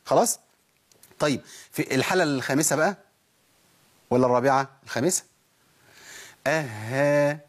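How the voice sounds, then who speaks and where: A man with an Egyptian Arabic accent teaching Quran recitation rules in a lesson. He keeps asking questions and answering them himself, and he says sounds out loud to show how they work. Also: mid-range voice, quick pace, pauses often, slightly rough. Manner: asks rhetorical questions and answers them, demonstrating sounds aloud.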